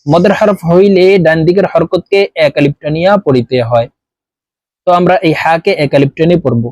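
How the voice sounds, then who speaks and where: A man teaching Quran reading letter by letter, slowly drawing out each sound in drills. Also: a little high, a little mellow, no echo. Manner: slow, drawn-out recitation of letter drills. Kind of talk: recorded lesson.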